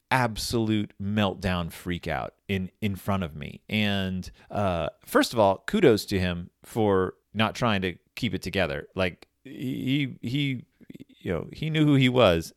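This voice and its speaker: A man's voice: deep voice, no echo, studio quality. A man in his forties, reviewing a book in a casual chat and telling a rambling story, correcting himself as he goes. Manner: rambling, self-correcting, animated.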